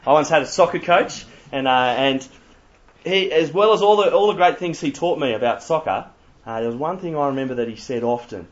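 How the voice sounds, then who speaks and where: Speaking a little high and fairly quick, this young Australian is animated as he leads an interactive church talk for youth. The recording is lo-fi and slightly muffled, and he quizzes listeners with playful asides.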